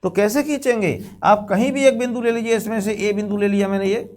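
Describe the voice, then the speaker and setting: High-voiced man teaching step by step. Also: a little fast, a little mellow. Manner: explains step by step, repeating key phrases, calls students "beta". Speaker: math teacher. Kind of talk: classroom lesson on geometry constructions.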